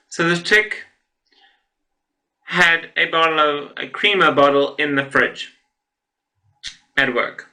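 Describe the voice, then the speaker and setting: A man's voice: on the high side, pushed and bright. A man hosting a reaction video, reading posts aloud and commenting in a casual, rambling way, often laughing to himself. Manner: rambling, with many fillers and self-corrections.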